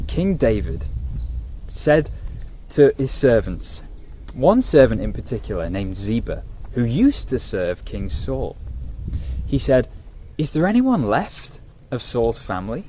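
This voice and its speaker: A man retells a Bible story to camera in an animated, conversational manner. His voice is mellow and warm, set at a middle pitch. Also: a little hiss or hum. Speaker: youth vlogger and interviewer.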